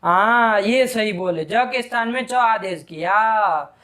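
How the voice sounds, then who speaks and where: High-voiced scolding Sanskrit grammar teacher. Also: male voice, bright, forceful tone. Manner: brisk, scolding, quizzes students. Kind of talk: live class lesson.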